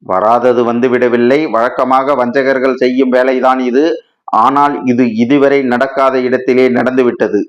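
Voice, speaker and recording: Man reading as an anguished impassioned writer, lamenting, storybook, mid-pitched, dull lo-fi sound. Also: little pitch movement, a little slow, lightly acted. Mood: grieving. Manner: lamenting, dramatic and wordy. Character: anguished male writer, grief-stricken and impassioned.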